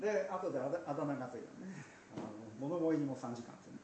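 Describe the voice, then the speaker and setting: A man's voice: medium pitch, expressive, fast, noisy background. A man preaching a sermon as a pastor, chatty and storytelling, with asides. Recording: roomy sound from a distance.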